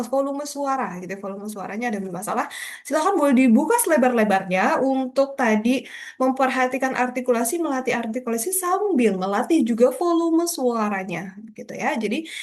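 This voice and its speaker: A woman with a high voice runs a beginners' public speaking class. She speaks to the room in an encouraging way, warmly addressing them as ladies and gentlemen. She reads example sentences and tongue twisters aloud to show the technique. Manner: encouraging, addresses audience as Bapak Ibu and kakak-kakak. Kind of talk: workshop lecture.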